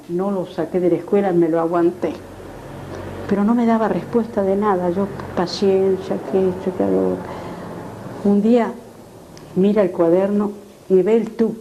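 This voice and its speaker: An older woman, a retired teacher telling animated stories in an interview. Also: mid-range voice, measured pace, long pauses, muffled recording, noisy background. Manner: animated, acts out quoted voices. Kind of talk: storytelling in an interview.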